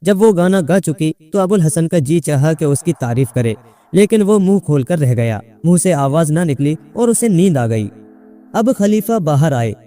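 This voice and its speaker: A man narrating a folk tale in a steady, measured storytelling manner. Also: on the high side, faint music behind.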